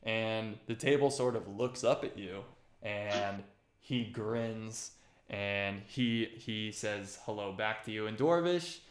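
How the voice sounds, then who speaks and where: A man's voice: on the low side, slow pace. A man narrating a tabletop game as game master, laid-back and full of hesitations. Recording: roomy echoey room.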